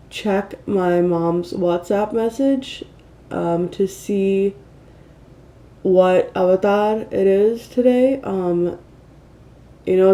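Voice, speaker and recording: Dark in tone and fairly low, this woman's voice carries a slight nasal stuffiness from a mild cold. Hosting her get-ready-with-me makeup channel, she chats in a relaxed, self-deprecating way.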